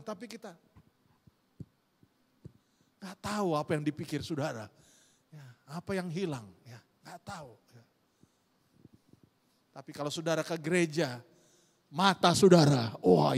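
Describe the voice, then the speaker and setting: Animated Malaysian man preaching in reverb. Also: fairly high pitch, moderate pace, gravelly, long pauses, slightly rough. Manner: animated preaching with sudden loud shouted rises; often addresses listeners as "saudara". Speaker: pastor. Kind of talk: sermon.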